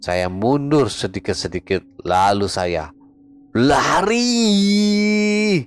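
A man's voice: low voice, a little slow, soft background music. A man narrating a ghost story casually, talking straight to his listeners. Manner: chatty, addresses listeners directly. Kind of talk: casual horror podcast storytelling.

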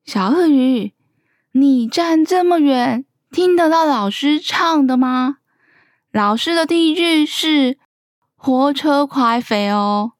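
A woman's voice: fairly high pitch, slow pace, no room sound. A cheerful young kindergarten teacher in a storybook, voiced by a woman, coaxing the children in a sing-song, raised voice. She speaks unhurriedly, recorded close and dry.

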